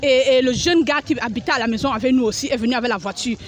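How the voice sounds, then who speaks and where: High-voiced woman giving emotional testimony. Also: fast talker, slight background noise. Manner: dramatic, repeats phrases, cries out and acts out scenes. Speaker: speaker giving a religious testimony.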